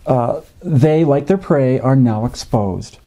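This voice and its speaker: Man, 50s, very dark mellow voice, middle pitch. Measured educator, lots of fillers, home office desk. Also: animated. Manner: measured, explanatory, with frequent uh fillers. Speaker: fishing educator. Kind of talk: educational narration. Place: home office with a desktop computer.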